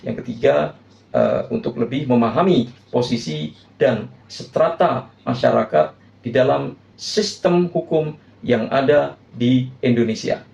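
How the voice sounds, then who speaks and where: A man's voice: mid-range voice, expressive, vocal fry, darkish tone, roomy sound, lo-fi sound. Man reading a formal course overview. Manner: formal, listing points with filler pauses. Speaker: university lecturer.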